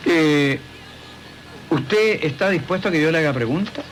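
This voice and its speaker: A man's voice: fairly high pitch, animated, measured pace, slight background noise, low-quality recording. A man hosting a radio talk show, interviewing a guest in a rambling, conversational way with many asides. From Chile.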